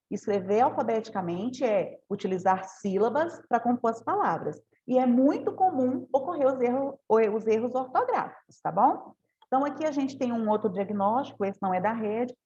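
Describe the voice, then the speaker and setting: A woman's voice: on the high side, darkish tone, lo-fi sound. A woman giving a teacher training talk, explaining step by step and often adding tag questions.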